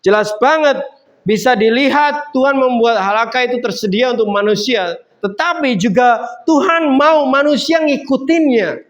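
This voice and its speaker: A man's voice: very high voice, moderate pace. A man preaching a sermon in a casual, conversational way, building up to emphatic points. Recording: dull lo-fi sound.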